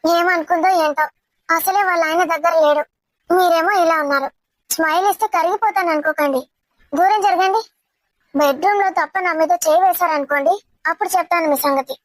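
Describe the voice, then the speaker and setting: A woman's voice: extremely high pitch, fairly quick, no echo. A woman playing a stern housewife who firmly scolds her playful husband. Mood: scolding. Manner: scolding, firm.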